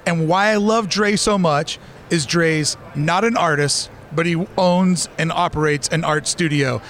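A man's voice: fairly high pitch, unhurried, a bit bright, a little hiss or hum. Upbeat man hosting a convention interview. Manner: friendly, talkative, scripted intros. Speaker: podcast host interviewing artists.

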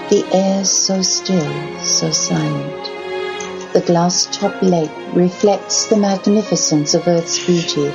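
A woman reading a scripted guided meditation in a gentle, soothing, poetic manner. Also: on the low side. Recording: muffled band-limited sound under clear music. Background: music.

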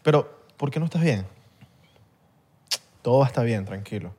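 A man's voice: mid-range voice, lively intonation, normal speed, dark tone. A man co-hosting a podcast, easygoing and teasing, with a laugh never far off. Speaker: podcast co-host. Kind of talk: casual chat.

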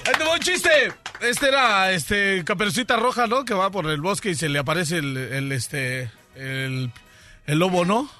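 A man telling a joke casually, halting and filling gaps with "este". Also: sits high, lively intonation, sharp tone, soft background music. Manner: halting, fills pauses with "este".

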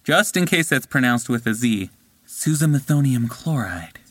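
A man with a mid-range voice at normal speed records voice lines in lively blooper outtakes, stumbling over hard names, breaking off to curse at the tricky words and trying again. A little hiss or hum is audible.

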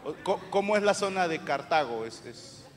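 A man's voice: on the high side, expressive, normal speed, a crowd in the background. A man with a Mexican accent, a comedian interviewing audience members with teasing, crude banter at a live show. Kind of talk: crowd-work comedy interview. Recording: live venue reverb, audience noise.

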